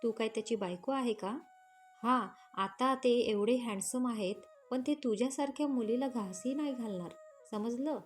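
A woman voicing a haughty, jealous young female office employee who talks in sharp taunts. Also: on the high side, normal speed, faint music behind, lightly acted. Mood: taunting.

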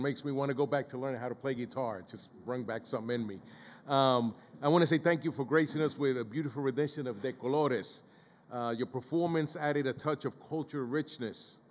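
An older man hosts a formal event, thanking performers and introducing the next speaker. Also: medium pitch. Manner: warm thanks, halting restarts. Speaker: event emcee. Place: large event hall. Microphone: podium microphone. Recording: reverberant hall.

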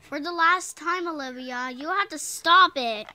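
Indoors at home on a wooden floor, a young girl voices toy pets in a homemade skit, switching between a scolding mother and a whining child. Her voice is high, bright, and forceful at a measured pace, with soft background music. A phone camera is held close to the toys.

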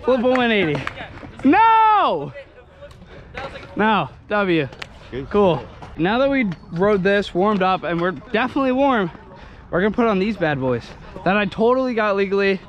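A young man rides a scooter around an outdoor skatepark, filming himself on an action camera mounted to his handlebars and chatting casually vlog-style, swearing and laughing at himself. His voice is high-pitched with big pitch swings, his pace measured, and he leaves long pauses. The camera audio is noisy and dull.

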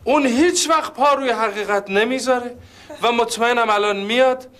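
An actor playing a polite, deferential husband in a sitcom. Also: male voice, very high voice, fairly bright tone. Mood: earnest. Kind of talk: sitcom acting.

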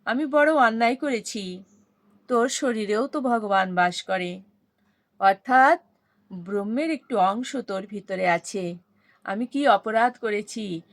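A woman voicing a gentle, tearful male saint who speaks softly and slowly in a lowered voice. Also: dry recording. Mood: remorseful tender.

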